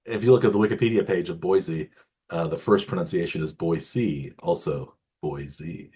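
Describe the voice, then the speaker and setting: A man's voice: sits low, a little fast, warm tone, slightly rough. A middle-aged man co-hosting a sports podcast, rambling through picks with lots of restarts and fillers. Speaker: podcast co-host. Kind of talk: casual sports chat.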